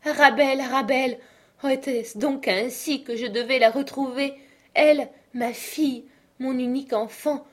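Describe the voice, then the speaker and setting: A woman voicing a grief-stricken old father who cries out in loud, anguished bursts, wild with sorrow and rage. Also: high-pitched, fairly even intonation, normal speed, pitched above the performer's own voice.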